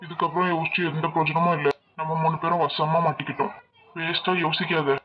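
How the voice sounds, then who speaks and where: A man's voice: a little high, flat delivery, fast talker, crowd noise, close to an everyday voice. A man voicing a fed-up, mocking henchman in a cartoon, speaking with a Tirunelveli Tamil accent. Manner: mocking, scolding. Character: grumbling male henchman, fed up. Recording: dull lo-fi audio with hiss.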